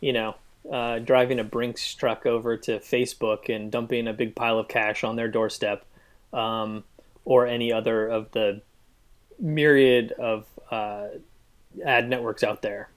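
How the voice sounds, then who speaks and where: A man chatting on a podcast as a guest, halting and full of ums and uhs, with a dry sense of humor, recorded in a cabin. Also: mid-range voice, steady tone. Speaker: guest app developer. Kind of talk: casual podcast chat.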